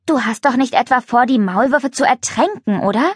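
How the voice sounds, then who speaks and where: A woman's voice: a little high, lively intonation, moderate pace, slightly rough, no room sound, clean studio sound, pitched above the performer's own voice. A woman voicing a spirited, earnest girl who cares about animals, in a children's storybook reading. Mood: firm.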